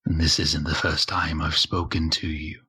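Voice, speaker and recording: Man plays an ancient female spirit of deceit, deep and raspy, slow and tempting. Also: flat delivery, bright, forceful tone, heavily acted. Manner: slow, solemn, tempting speech. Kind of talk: tabletop game role-play.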